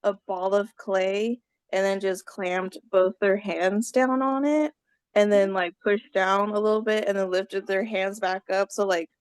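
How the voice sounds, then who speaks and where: A woman's voice: medium pitch, steady tone, unhurried, smooth, dry recording. A woman co-hosting a casual online gathering, rambling and searching for words over a video call. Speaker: gathering co-host.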